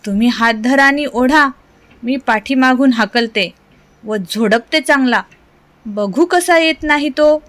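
A woman's voice: sits high, takes it slowly, a bit bright. A woman doing a stern, scolding village mother. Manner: firm scolding.

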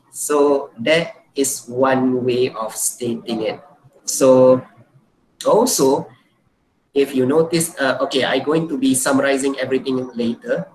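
A male university lecturer, explaining slides in an online lecture and often saying "let's say, for example". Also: medium pitch. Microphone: computer mic on a video call. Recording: echoey room with faint hiss.

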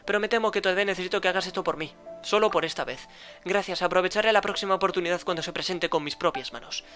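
A man's voice: sits high, fast talker, bright, forceful tone, faint music behind. A man with a Spain Spanish accent voicing an earnest, dutiful male public official in a game, polite and formal.

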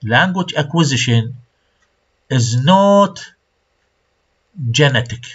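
In a dull, lo-fi recording that resembles a screen capture, an Iraqi man lectures online with an Iraqi Arabic accent. His slightly rough, expressive voice moves slowly, with wide pitch swings for emphasis, and he repeats key points and asks rhetorical questions.

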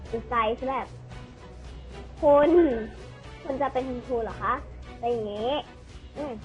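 A woman's voice: high voice, rough recording. A young woman giving casual gameplay commentary over a Bluetooth headset, chatty and explaining the controls as she plays. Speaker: gameplay streamer.

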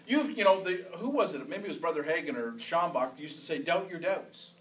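A man's voice: on the high side, expressive, brisk, fairly bright tone, recorded from a distance, low-quality recording. A man preaching a sermon as pastor, in a conversational style that repeats phrases for emphasis. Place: church sanctuary.

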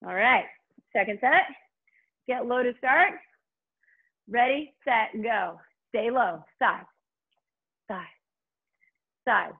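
A high-voiced woman coaches like an aerobics instructor, upbeat and urging. Her voice has a breathy edge. The recording is slightly dull and muffled. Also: expressive, slow, pauses often. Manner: upbeat, encouraging, urging coach with short commands. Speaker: fitness instructor and host. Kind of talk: aerobics instructor leading a workout, calling counts and cues.

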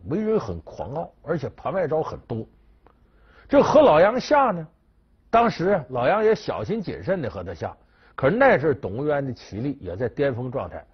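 Male storytelling commentator, raspy voice with animated intonation, dull lo-fi sound. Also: fairly high pitch. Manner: lively storyteller, acts out quoted speech. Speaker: chess history commentator. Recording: dull lo-fi recording.

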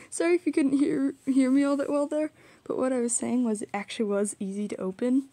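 Young woman, casual art-vlog voiceover: rambling, giggly, self-mocking, fairly high, mellow voice. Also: steady tone, brisk. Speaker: art vlogger. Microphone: small audio recorder, drifts off mic.

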